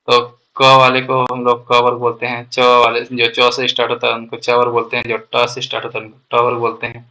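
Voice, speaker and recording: A man's voice: mid-range voice, bright, forceful tone, low-quality recording. A man teaching a Hindi grammar lesson, explaining step by step and often checking in with "ठीक है".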